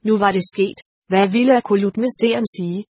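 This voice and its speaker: A woman reading a first-person story aloud in a measured, steady audiobook narration. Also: mid-range voice, breathy edge, dry recording.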